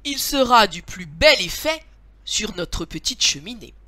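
Teacher reading to kids, woman, slow and expressive, rhythmic rhyme. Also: mid-range voice, no echo. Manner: expressive, rhythmic rhyming delivery. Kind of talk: children's story reading.

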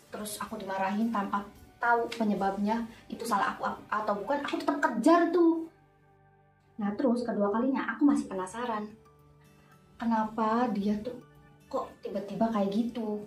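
Doing her makeup, a young woman nurse vlogger launches into a lively storytime in a mid-range voice. Faint music plays in the background, and the mic sits some way off in a spacious indoor room.

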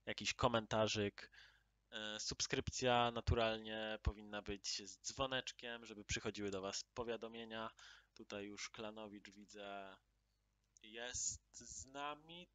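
A man hosting his gaming channel, greeting viewers loudly and then muttering casual commentary as he plays, with sudden excited exclamations. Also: fairly low pitch. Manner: loud upbeat greetings, then mutters quietly while playing; excited exclamations at in-game drops.

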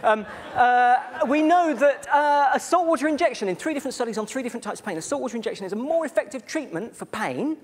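A man's voice: extremely high pitch, expressive, fast talker, few pauses. A British man giving a conference talk on bad science, chatty and sarcastic, with many fillers and asides. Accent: British English. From Britain. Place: conference stage before an audience.

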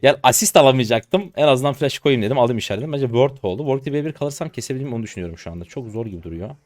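A hoarse man in his twenties giving slangy live commentary to viewers while he plays a game. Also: medium pitch, expressive, darkish tone, no echo. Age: 20s. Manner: rapid slangy chatter to viewers. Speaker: gaming streamer.

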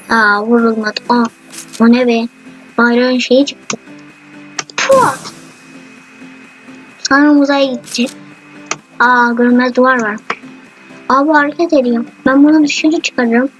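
Woman gamer talking thru her game, lots of excited oohs, high voice. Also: rough recording. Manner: excited exclamations, chatty. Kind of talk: gameplay commentary. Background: faint game music.

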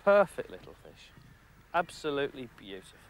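A middle-aged man giving outdoor fishing commentary from a lakeside jetty, excitable, laughing often and talking to the fish. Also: mid-range voice, a little fast. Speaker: angling presenter.

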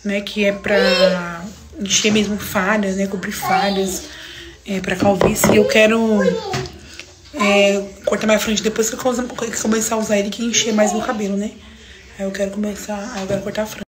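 A woman's voice: medium pitch, level tone, moderate pace. A Brazilian woman in her twenties chatting casually to followers on a phone in a bedroom. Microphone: phone propped close in front. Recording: clearly noisy phone recording.

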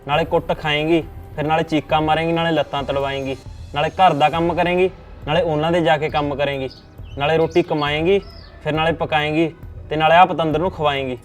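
A man's voice: on the high side, fairly even intonation, fast talker, soft background music, natural voice. A man acting a bullying husband who threatens his wife in a short drama film. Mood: angry, threatening. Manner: blustering, threatening.

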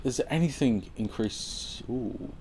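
A young man giving casual let's-play commentary on his game, sarcastic and swearing, with sudden loud outbursts at the game. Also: mid-range voice, lively intonation, unhurried, noisy background. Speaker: gameplay commentator.

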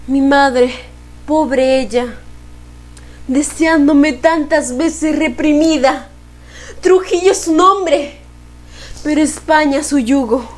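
Teenage female reciter, Peruvian accent, high voice, slow and dramatic declamation. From Peru. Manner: dramatic, emphatic, with long pauses. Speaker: student reciter in a poetry contest. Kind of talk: theatrical poetry declamation. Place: living room at home.

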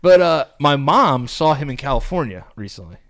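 A man co-hosting a casual podcast, telling stories with lots of swearing and animated delivery. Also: mid-range voice, moderate pace, gravelly. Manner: profane, animated storyteller. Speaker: podcast co-host. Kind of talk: casual chat.

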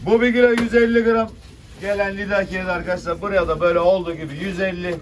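High-pitched male fish auctioneer, distant noisy recording. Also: steady tone, fast talker. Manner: chanting rising bids, familiar with buyers. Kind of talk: auctioneer calling out bids to a crowd. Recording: distant noisy mic with clicks, birds.

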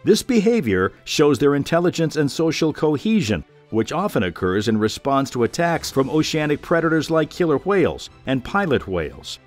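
Animated male nature documentary narrator over music. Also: on the high side, normal speed, few pauses. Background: background music.

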